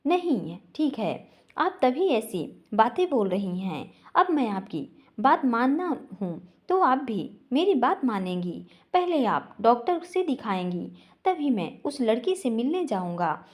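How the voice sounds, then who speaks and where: A woman voicing a young man, a devoted son who is quick to anger but pleads earnestly with his mother. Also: fairly high pitch, sing-song, a little mellow.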